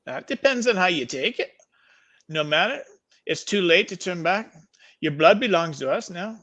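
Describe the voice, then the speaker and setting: A threatening red-headed Irishman from a historical fantasy read aloud, voiced by a man. He speaks slowly and low with an attempted Irish lilt, his voice sitting a touch high for a man. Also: animated, sharp tone. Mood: menacing.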